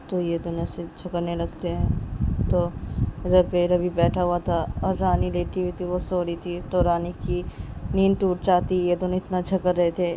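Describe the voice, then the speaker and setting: A woman's voice: lowish voice, background noise. A woman narrating a homemade serial love story in a plain, repetitive way.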